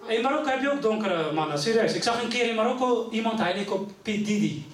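A man's voice: high-pitched, quick pace. A middle-aged man from Rotterdam telling stand-up stories on stage, acting out the voices of his family. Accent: Rotterdam Dutch. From Netherlands. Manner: animated storytelling, acting out voices. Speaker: stand-up comedian. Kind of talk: live stand-up comedy. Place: community venue stage before an audience. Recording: roomy live hall, mic at a distance.

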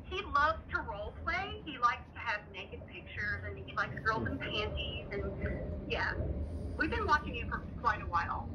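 A woman's voice: fairly high pitch, animated, moderate pace, dull audio, noisy background. A woman calling in over a phone on speaker, talking in a firm, cold, accusing way as a decoy caller. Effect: heard over a phone on speaker. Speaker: decoy caller for a vigilante group. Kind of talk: confrontational phone call.

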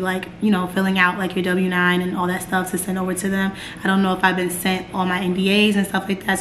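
A young American woman with a hoarse, raspy smoker-like voice, chatting casually to camera in a vlog. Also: on the low side, a bit bright. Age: young adult. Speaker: vlogger. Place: bright open-plan apartment, indoors. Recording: roomy echo, clear background noise.

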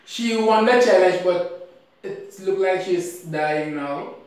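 A man's voice: sits high, takes it slowly. Young man chatting in a very echoey bathroom. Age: young adult. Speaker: ice bath challenge participant. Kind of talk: casual challenge vlog. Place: small tiled indoor bathroom. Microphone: camera a little way off. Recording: very echoey bathroom, distant mic, faint noise.

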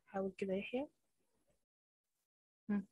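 Egyptian teacher lady on an online class, husky, patient and coaxing with kids, dry sound. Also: mid-range voice, a little slow, no echo, phone-quality sound. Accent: Egyptian Arabic. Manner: patient, coaxing, praising pupils. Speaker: primary school teacher.

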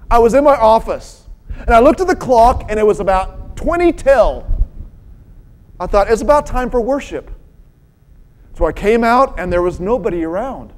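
Woman, pastor, sermon, expressive storyteller, very animated pitch. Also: low-quality recording.

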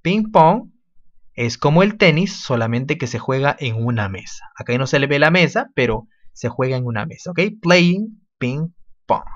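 A man teaching an English class to children online, switching to slow, drawn-out model phrases for the children to repeat. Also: medium pitch, lively intonation, muffled recording.

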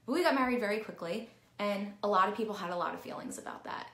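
A woman's voice: mid-range voice, quick pace, a bit bright. Chatty middle-aged woman vlogging, roomy echo. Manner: candid, chatty, heavy use of "like" fillers. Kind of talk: casual vlog talk to camera. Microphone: camera at close range, talking to herself on screen.

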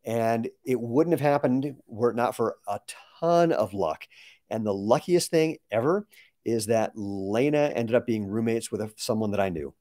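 A man's voice: medium pitch, lively intonation, normal speed, warm tone, no echo. Chatty man in his sixties. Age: 60s. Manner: chatty, explains with gestures and asides. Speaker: company founder answering viewer questions. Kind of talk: casual live Q&A.

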